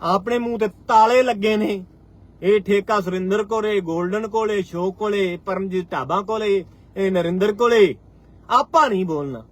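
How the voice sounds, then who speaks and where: A man's voice: sits high, fairly even intonation, moderate pace. A man in his forties with a Punjabi accent, giving a fiery live-stream address as a farmers' union leader and driving his points home with repeated rhetorical lines. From Punjab, India. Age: 40s.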